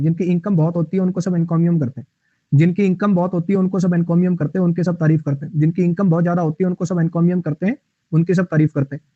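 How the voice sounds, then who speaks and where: Brief: male vocabulary teacher, high voice, dry lo-fi sound, repeats explanations. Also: no room sound. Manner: explains English words in Hindi, repeats lines, chats with viewers. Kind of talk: online class lecture.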